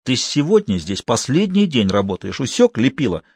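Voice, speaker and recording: A man's voice: medium pitch, big pitch swings, normal speed, a little mellow, breathy edge, no room sound. A man voicing a menacing bull-necked thug who threatens the doctor in a wheezy, hissing voice. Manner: threatening, slangy.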